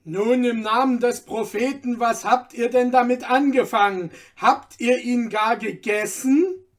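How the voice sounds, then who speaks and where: A man voicing an impatient male servant in a storybook reading, loud and demanding. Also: high-pitched, unhurried, recorded from a distance.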